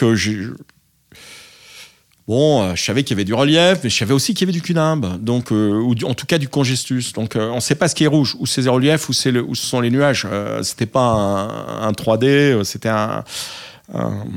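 Male pilot, casual anecdote, halting delivery, average pitch. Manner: halting, many fillers and restarts; acts out radio calls in English. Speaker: pilot telling a story.

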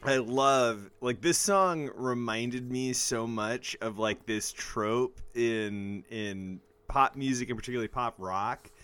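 A man co-hosts a podcast, talking in an unhurried, meandering way and laughing often. His voice is smooth and clean, recorded close and dry on a podcast mic. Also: medium pitch, fairly bright tone, no room sound. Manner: rambling, laughs often, trails off into fillers. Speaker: podcast co-host. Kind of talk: casual podcast chat. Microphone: podcast microphone.

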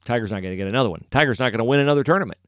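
Opinionated man with a smooth voice. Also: mid-range voice, racing, fairly bright tone, dry recording, clean studio sound. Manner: opinionated, rambling, self-correcting. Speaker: sports commentator. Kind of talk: casual solo commentary.

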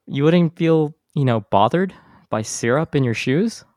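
A man's voice: a little high, expressive, measured pace, darkish tone, no echo, studio quality. A man hosting a podcast, chatting casually and asking playful questions in an easygoing way. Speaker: podcast host. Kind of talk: casual interview chat.

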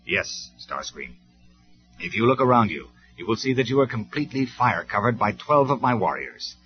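A narrator voicing a stern, commanding male robot leader in a cassette story, speaking in measured, forceful tones. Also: medium pitch, lively intonation, soft background music, close to an everyday voice. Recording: dull lo-fi cassette recording.

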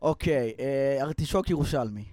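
A man's voice: medium pitch, mellow, dry recording. A man from near Jerusalem with an Israeli accent, co-hosting a podcast with casual comedic banter. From Mevaseret, near Jerusalem, Israel. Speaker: podcast co-host.

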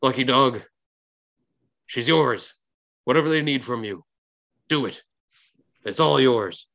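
A man voicing an aged, fierce but heartsick sailor captain in a tabletop game, talking like a gruff old fisherman. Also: medium pitch, slow, fairly bright tone. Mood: resolute.

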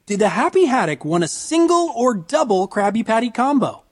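A woman's voice: fairly high pitch, sing-song, normal speed, dry recording, clean studio sound. A woman playing an upbeat, encouraging host who narrates instructions for a cartoon game. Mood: encouraging, playful.

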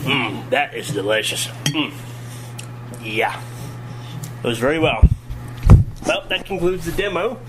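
A chatty man hosts a homemade cooking demo, walking through each step in a folksy way. His voice sits back from the mic in a roomy space, with a steady noise running underneath. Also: a little high, takes it slowly, long pauses. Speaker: cooking show host. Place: home kitchen and dining room. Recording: roomy, distant, noisy home recording.

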